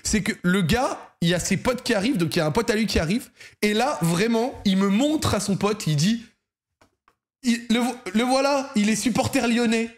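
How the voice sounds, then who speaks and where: A young male streamer from Paris hosts a football debrief, telling stories to his viewers in a loose, casual monologue. His voice sits high and moves at a normal speed, with a Parisian French accent. He's slangy and animated, laughing as he goes.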